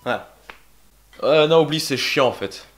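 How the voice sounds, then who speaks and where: A man's voice: fairly high pitch, expressive, measured pace. Casual joking male presenter over music. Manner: colloquial, crude joking. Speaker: co-host of a comedy web show. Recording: music clearly behind.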